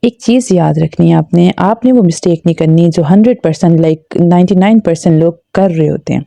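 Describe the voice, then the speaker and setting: A woman teaching Quran reading, spelling out syllables slowly and stretching them, then explaining quickly with English words mixed in. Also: on the low side, vocal fry, dark tone, no echo. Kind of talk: spelled-out recitation lesson.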